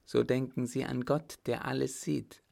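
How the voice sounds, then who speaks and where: A man's voice: mid-range voice, flat delivery, normal speed, vocal fry, mellow, pitched above the performer's own voice. A man putting on a trembling young noblewoman. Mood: pleading. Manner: trembling, imploring. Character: young noblewoman, frightened, pleading, defiant.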